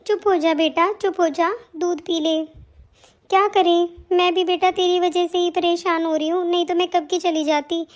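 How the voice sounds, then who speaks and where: A woman's voice: very high-pitched, fairly even intonation, normal speed, slight background noise. A woman playing a self-pitying older mother-in-law and grandmother who complains and moralizes in a plaintive way. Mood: doting, sorrowful. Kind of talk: hobby family-drama acting.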